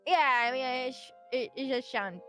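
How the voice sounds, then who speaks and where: A woman's voice: high voice, moderate pace, fairly bright tone, faint music behind. A woman voicing a nervous male auction clerk with a lisp in a tabletop game. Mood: flustered.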